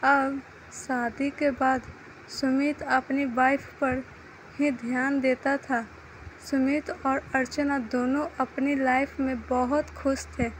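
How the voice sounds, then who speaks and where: A woman narrating a romance story in a steady, plain storytelling manner, then asking listeners to subscribe. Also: high voice, takes it slowly, slight background noise, poor audio. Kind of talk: read-aloud story narration.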